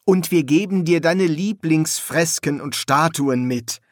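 In an audiobook, a man plays an anxious young king who hesitates and fusses. He pitches his voice higher than his natural register, though it still sounds close to everyday speech, and he speaks slowly. The recording is clean studio sound with no echo.

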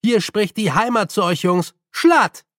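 Man doing a slick young con man, assured, commanding shouts, fairly high voice, dry audiobook sound. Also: lively intonation, moderate pace, no room sound. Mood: confident. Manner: assured, raised commanding calls. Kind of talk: audiobook character voice.

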